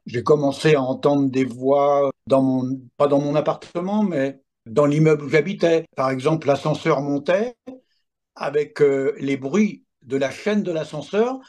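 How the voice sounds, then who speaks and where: A man's voice: on the high side, measured pace, darkish tone. A man in his seventies gives a personal testimony in an interview, telling it emphatically with little asides. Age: 70s. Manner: emphatic storyteller, adds asides like "hein, attention". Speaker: interviewee recounting paranormal experiences.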